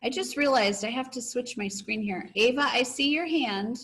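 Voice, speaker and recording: Her voice is a little high and fairly bright, at a moderate pace. She's a teacher encouraging her pupils as she reads aloud and runs a class discussion, heard over a video call in an online class.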